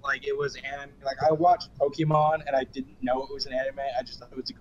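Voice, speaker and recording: A man's voice: medium pitch, level tone, fast, muffled recording. A man, a podcast co-host, chatting casually and hesitantly over an online voice call while his connection cuts out and his voice drops away. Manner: hesitant, full of "like" and restarts. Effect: online call connection cutting out, voice dropping away. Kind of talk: casual chat.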